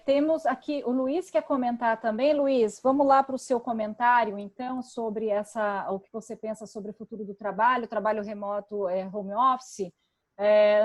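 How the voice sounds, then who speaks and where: A woman's voice: a little high, darkish tone. A Brazilian woman moderating an online discussion conversationally and handing over to participants. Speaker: roundtable moderator.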